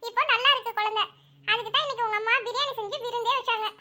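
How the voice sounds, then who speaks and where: A woman's voice: very high-pitched, steady tone, rapid-fire, bright, forceful tone, heavily acted. A woman voicing a firm cartoon matriarch. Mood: firm, comforting. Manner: firm, scolding yet comforting. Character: older mother, caring family matriarch.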